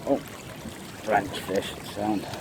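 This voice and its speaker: A man's voice: lowish voice, completely flat delivery, very slow, gravelly. A man with an English accent giving casual running commentary while fishing outdoors, counting each catch aloud as he wades in a river. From England. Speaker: angler vlogger. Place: outdoors on a windy riverbank, wading. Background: flowing water and wind.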